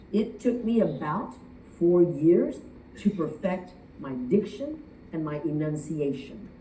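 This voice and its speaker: A woman from the United States speaking to a contest audience as a judge, chatty and animated, acting out quotes. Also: medium pitch, slight background noise. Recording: echoey room from far off.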